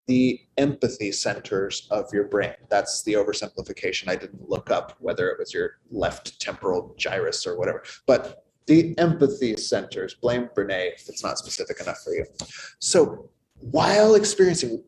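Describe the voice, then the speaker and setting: A man's voice: medium pitch, a little hiss or hum, poor audio. Playful, conversational man preaching a sermon. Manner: conversational, playful, animated asides. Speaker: minister. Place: church sanctuary.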